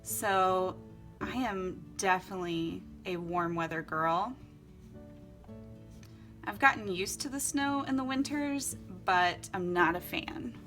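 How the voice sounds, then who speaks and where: Slow-paced and on the low side, yet fairly bright in tone, this young woman narrates a casual journaling vlog over soft background music. She is from Florida and Costa Rica and laughs frequently while walking through her setup at home.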